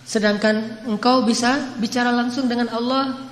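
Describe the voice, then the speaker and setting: A soft-spoken, stubborn old woman pleads gently for a child, as a male preacher puts her on. She sounds persistent and humble. The voice rings through a reverberant hall. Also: very high-pitched, steady tone, normal speed. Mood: pleading.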